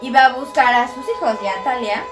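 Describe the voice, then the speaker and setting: A young woman with a Mexican accent casually retelling a fairy tale in slangy, animated chat, acting out the characters' lines. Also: high voice, fairly quick, roomy sound, music in the background. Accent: Mexican Spanish. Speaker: storyteller in a podcast chat.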